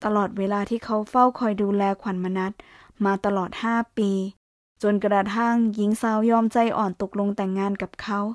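A woman narrating a romance story in Thai in a steady, unhurried storytelling voice that often drops soft and hushed. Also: medium pitch, no echo, studio quality.

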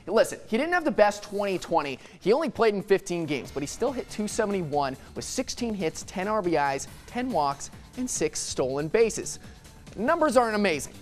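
A man trades playful, teasing banter on a TV sports debate show. His voice is slightly high and swings lively up and down. Faint music sits underneath. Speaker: TV sports co-host. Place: TV studio.

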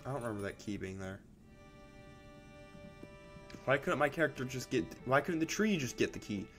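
A man's voice: mid-range voice, lively intonation, normal speed, a bit bright, soft background music. Rambling man narrating a game. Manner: rambling, restarts, reacts aloud to the game. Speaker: gamer. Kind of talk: let's play commentary.

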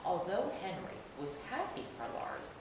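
A woman reads a picture book to young children, slowly and expressively. Her pitch is fairly low but moves a lot, and the room is very echoey. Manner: expressive, deliberate storytelling. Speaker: storybook reader. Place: indoor room, seated. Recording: roomy, distant microphone, rumbling background noise.

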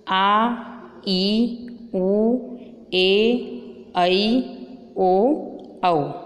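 A woman's voice: medium pitch, darkish tone. A woman teaching a school grammar lesson, asking questions and answering them herself. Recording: long reverb.

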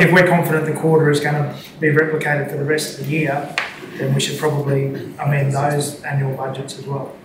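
A man speaking as a councillor in a meeting, explaining budget figures in a halting way, with many restarts. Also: fairly high pitch. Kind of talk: formal meeting discussion. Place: council chamber. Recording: echoey chamber, distant mic, noisy.

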